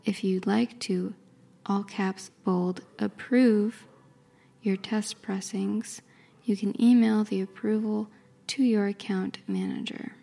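A woman speaks in a soft, careful ASMR whisper. Her delivery is slow and flat, barely rising or falling, with a dark, mellow tone. A husky, gravelly texture runs through her breathy voice. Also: mid-range voice. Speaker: ASMR creator. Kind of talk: ASMR whispered reading and description.

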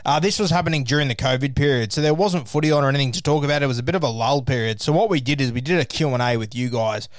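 An Australian man hosting a podcast in casual talk, with a monotone delivery. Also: mid-range voice, rapid-fire, hardly any pauses, dry recording, studio quality. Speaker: podcast host.

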